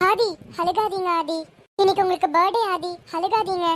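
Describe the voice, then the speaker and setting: A woman's voice: extremely high pitch, fairly even intonation, normal speed, fairly bright tone. Woman voicing a devoted young wife. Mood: soothing.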